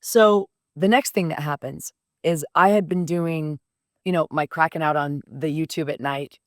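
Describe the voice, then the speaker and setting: With a deep voice at normal speed, a woman in her fifties hosts a podcast and shares something personal. The recording is dry and studio-clean. She speaks casually, cursing freely, in a blunt, animated, emphatic style.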